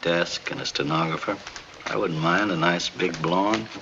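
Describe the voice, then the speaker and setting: An actor playing a sardonic American newspaper reporter, dry and teasing in screwball comedy banter on a noisy old film soundtrack. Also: male voice, sits low, measured pace, highs cut off. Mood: wry, idle. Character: sardonic male newspaper reporter, weary of the job.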